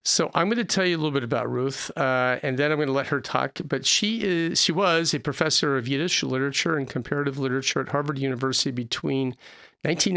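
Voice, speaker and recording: A man in his sixties hosts a podcast into a studio microphone, earnest and a little rambling, doubling back on his words. His voice is gravelly in a dry, close studio. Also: mid-range voice, pushed and bright, dry recording. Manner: earnest, repetitive, with many restarts. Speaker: podcast host. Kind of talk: podcast interview. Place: small studio. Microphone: studio mic with headphones.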